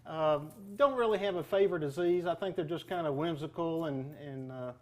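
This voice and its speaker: A man talking casually as a collector explaining his collection, with halting speech that pauses mid-thought. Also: fairly high pitch, a little mellow. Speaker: duck call collector being interviewed. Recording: clear background noise.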